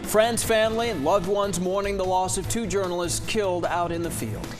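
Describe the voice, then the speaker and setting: High-pitched American male news anchor. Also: steady tone, normal speed, music in the background. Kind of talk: scripted television news delivery.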